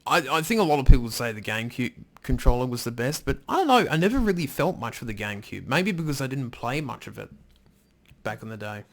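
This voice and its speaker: A man's voice: mid-range voice, big pitch swings, quick pace. A man hosting a live stream, rambling casually and swearing now and then as he answers his chat. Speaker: livestream host reading chat.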